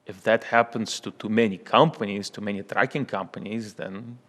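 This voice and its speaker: A man's voice: on the low side, fairly even intonation, fairly bright tone. A man playing a smug Russian union boss. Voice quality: broken English, halting repetitions. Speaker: union spokesman. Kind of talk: comedy sketch acting. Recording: long hall reverb.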